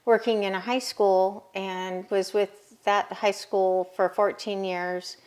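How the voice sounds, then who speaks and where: Interview guest: woman counselor, steady mid-pitch, patient explainer. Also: slow pace. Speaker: college counselor and business owner. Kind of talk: interview answers.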